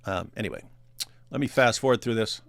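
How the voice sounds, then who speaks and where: Casual: dude reacting to videos, rambly and laughing a lot, dry mic. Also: male voice, on the low side, a little fast, vocal fry, no room sound. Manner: rambling, with restarts and laughs, talks over clips. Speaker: commentary show host.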